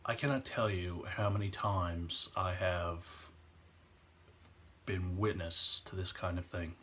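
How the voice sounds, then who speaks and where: A man in his 20s delivers an impassioned personal vlog rant, earnest and emotional, slowing down on the heavy points. His voice is low and fairly bright with fairly even intonation, and there's slight background noise.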